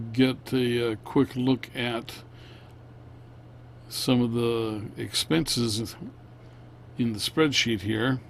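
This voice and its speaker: A man narrating a casual vlog, unscripted, in a halting, plain-spoken way. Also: mid-range voice, slight background noise. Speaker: vlogger.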